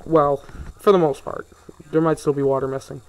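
A man's voice: fairly high pitch, level tone, brisk, a little mellow, slight background noise. Rambling young man narrating his gameplay. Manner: rambling, easily sidetracked, grumbling asides. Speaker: gaming video host. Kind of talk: casual let's play commentary.

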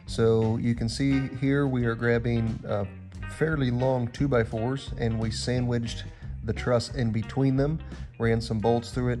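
A man in his thirties, outdoors at a building site, casually explaining the work he is doing, relaxed and thinking aloud. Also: lowish voice. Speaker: DIY barn builder.

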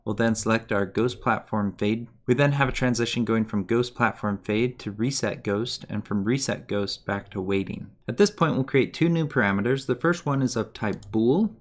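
Man, fairly low voice, methodical, screen-recorded tutorial voice-over. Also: moderate pace, few pauses. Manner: methodical step-by-step explanation. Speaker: game development tutor.

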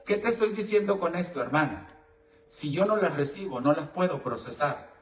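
With an animated, high-side voice at normal speed, a Mexican-accented man runs a call-in advice show as an esoteric advisor. He's brash and teasing, campy and bawdy, heard through a distant mic with a roomy echo and faint background noise.

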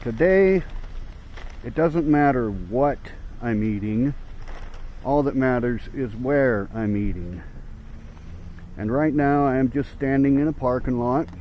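Man, toothless speech, casual video host, middle pitch, outdoor parking lot, dull recording with faint vehicle noise. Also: takes it slowly, pauses often. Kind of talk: casual talk to camera.

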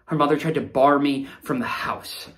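A man in his thirties playing an earnest, rattled young delivery driver under interrogation, pleading and halting in a naturalistic screen-drama style. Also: mid-range voice, steady tone, a bit bright, natural voice. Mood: earnest, uneasy. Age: 30s. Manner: pleading, halting, repeats words. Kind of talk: naturalistic screen acting, audition read. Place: small indoor studio against a backdrop.

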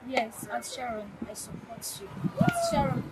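An actress with a Nigerian accent playing an earnest, loyal younger sister. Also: female voice, a little high, huge pitch swings, moderate pace. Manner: earnest, asking and agreeing. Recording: distant mic, loud background noise.

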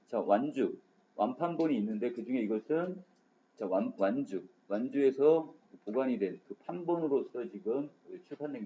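A man's voice: medium pitch, mellow, slight background noise. A male literature teacher giving an online exam-prep lecture in a casual manner, starting sentences with frequent filler words, in a dull lo-fi recording.

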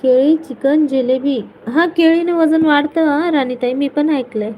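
A woman's voice: high-pitched, a little slow, dull audio, slight background noise. A woman hosting a casual live stream, greeting viewers by name and teasing them playfully.

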